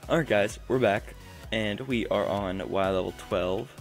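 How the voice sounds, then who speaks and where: Speaking a little slowly in a lowish voice with vocal fry, a young man provides casual commentary on his own game at home. He runs a gaming channel, chatting through the play-by-play and interrupting himself, while faint music plays.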